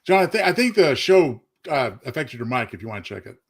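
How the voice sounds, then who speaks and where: A co-host of a live show, who also writes short stories, discusses his writing in a courteous, slightly formal but chatty manner during the casual broadcast. He talks fast in a mid-range, sing-song voice.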